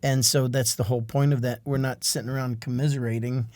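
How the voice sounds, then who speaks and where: A man's voice: medium pitch, flat delivery, quick pace, darkish tone, no room sound. Man on a podcast, medium voice, dry sound, earnest and reflective, lots of you-knows. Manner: reflective, earnest, trailing asides. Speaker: podcast co-host. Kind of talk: casual podcast chat.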